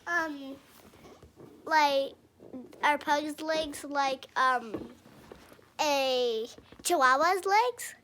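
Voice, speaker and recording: A listener asking for a story and chiming in with short eager replies and questions. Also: female voice, sits high, extremely slow, long pauses, a bit bright, a little hiss or hum.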